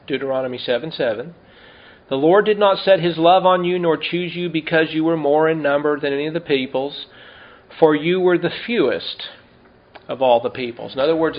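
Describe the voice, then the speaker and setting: A man preaching a sermon, reading scripture slowly and emphatically and asking the congregation rhetorical questions. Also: fairly high pitch. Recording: dull lo-fi sound.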